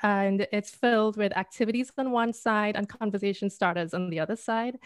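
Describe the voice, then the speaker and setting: A woman's voice: medium pitch, fairly even intonation, moderate pace, smooth, no echo. A woman who works as a therapist, speaking in an upbeat and encouraging way as an interview guest. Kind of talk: interview conversation.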